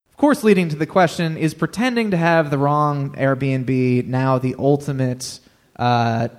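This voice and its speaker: A man's voice: medium pitch, measured pace. A man hosting a comedic live talk show, telling a news story with wry, mock-formal asides on a comedy club stage.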